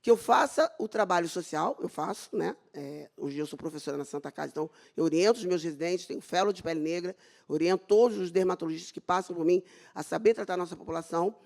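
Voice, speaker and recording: A woman's voice: lowish voice, quick pace, gravelly, darkish tone. A middle-aged Brazilian woman and dermatologist, giving a spirited talk about her own story. She acts out the dialogue in it and brings her faith into it. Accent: Brazilian Portuguese. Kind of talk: personal testimony talk on stage.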